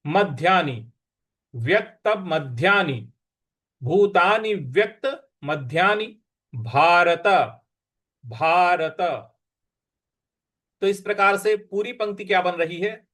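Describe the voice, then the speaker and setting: A man's voice: high-pitched, animated, takes it slowly, pauses often, fairly bright tone. A man teaching scripture, patiently spelling out syllables and stresses and chanting the verses. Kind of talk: slow recitation and explanation lesson.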